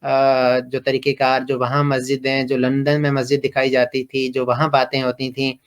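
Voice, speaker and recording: A middle-aged man from Pakistan, telling his personal story slowly and hesitantly, with many pauses and fillers. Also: medium pitch, completely flat delivery, smooth. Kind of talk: reflective personal testimony.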